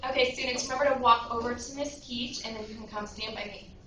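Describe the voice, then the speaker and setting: A woman's voice: a little high, fairly even intonation, fast talker. A woman school guidance counselor giving a speech at a school awards breakfast, telling a story and acting out its voices. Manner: warm storytelling, acts out quoted voices. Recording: echoey room from far off, noise.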